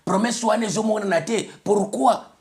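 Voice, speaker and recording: Speaking at a normal speed, a man with a high-sitting, darkish voice delivers an emphatic sermon. He's Congolese, has a Congolese French accent, alternates French with Lingala, and repeats the set phrase "bien aimé le Seigneur."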